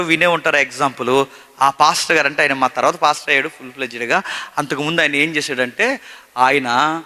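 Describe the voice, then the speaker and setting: Man preaching, high voice, piercing bright tone, loud questions and hushed stories. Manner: swings between loud emphatic questions and hushed storytelling. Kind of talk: sermon. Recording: long hall reverb.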